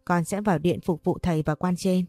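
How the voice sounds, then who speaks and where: A woman's voice: on the low side, steady tone, fairly quick, darkish tone, no room sound, studio quality, soft background music, close to an everyday voice. A woman voicing a desperate, scheming older single mother who speaks in a pleading, anxious way.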